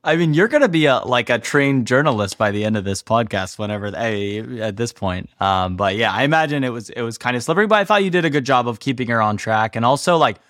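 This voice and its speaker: A man's voice: mid-range voice, animated, quick pace, hardly any pauses, fairly bright tone, dry recording, studio quality. A man co-hosting a podcast in casual, conversational chat. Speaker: podcast co-host.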